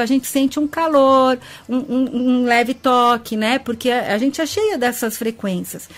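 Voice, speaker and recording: A woman radio host with a Brazilian Portuguese accent, chatty and affectionate, greeting listeners by name and laughing often as she talks about spirituality. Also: on the high side. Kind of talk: web radio talk show on ufology and spirituality. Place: radio studio.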